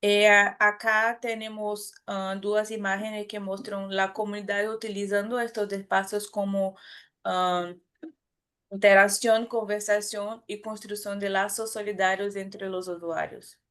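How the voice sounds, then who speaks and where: A woman presents at an academic conference, her English carrying the Brazilian Portuguese accent of her native tongue. She speaks carefully and unhurriedly, often stopping to restart or correct a word before continuing. Her medium-pitched voice is smooth and a bit bright, with little pitch movement.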